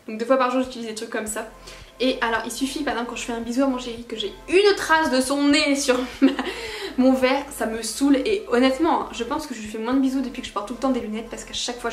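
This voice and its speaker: Chatty French woman in an echoey room. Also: on the high side. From France. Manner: chatty, frank, laughs at herself. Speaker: beauty vlogger. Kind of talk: casual product review.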